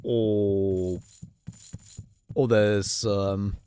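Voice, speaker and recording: A man giving casual commentary on his own playthrough, halting, repeating words and swearing freely. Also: lowish voice, flat delivery, dark tone, clean tone. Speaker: gamer narrating own playthrough.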